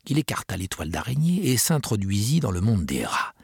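Man reading a storybook with gravelly warmth. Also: on the low side, brisk, no echo, clean studio sound. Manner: expressive, lively storytelling. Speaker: narrator.

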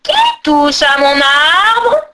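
A woman voicing a hideous old female ogress who steals children, slow, loud and growling in a storybook tale. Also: sits high, expressive, pitched above the performer's own voice, full character voice. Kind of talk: storybook narration.

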